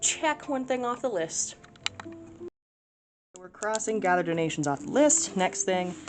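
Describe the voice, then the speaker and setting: A woman's voice: mid-range voice, lively intonation, measured pace, music in the background. A young woman chatting casually through her day at home for a vlog, rambling with lots of fillers. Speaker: vlogger.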